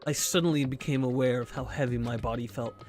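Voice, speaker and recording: A woman streamer reading game dialogue aloud, voicing every character in an animated way. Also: a bass voice, fast talker, faint music behind.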